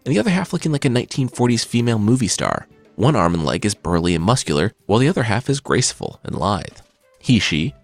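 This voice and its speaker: A man hosting a podcast, giving scripted narration in a wry, sarcastic storytelling manner. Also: on the low side. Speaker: podcast host and writer.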